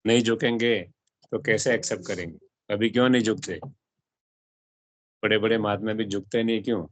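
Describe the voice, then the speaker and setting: A man's voice: fairly low pitch, steady tone, moderate pace, no echo. A man explaining a religious text to a small class, often asking his listeners questions and mixing in English words. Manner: asks the audience questions and mixes in English words. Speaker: spiritual teacher.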